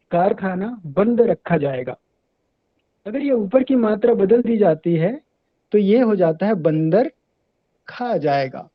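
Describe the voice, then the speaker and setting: A man, a Buddhist monk, gives a measured, teacherly Dhamma talk with pauses and fillers. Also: high voice, muffled recording.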